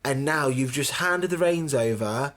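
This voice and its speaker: A man's voice: mid-range voice, unhurried, fairly bright tone. Emphatic, argumentative man. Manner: emphatic, argumentative, talks over his co-host. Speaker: podcast co-host. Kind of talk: casual chat.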